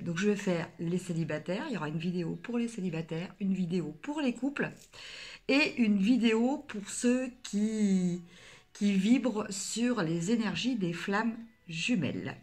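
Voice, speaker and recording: A woman from France reading tarot cards for her viewers, in a casual, hesitant way, full of fillers and restarts. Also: mid-range voice. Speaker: tarot card reader.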